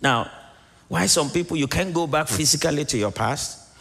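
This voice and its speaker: A male preacher delivering a sermon, swinging between low asides and sudden emphatic rises, peppering it with rhetorical questions to the congregation. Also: expressive, normal speed, vocal fry, a bit bright. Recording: long hall reverb.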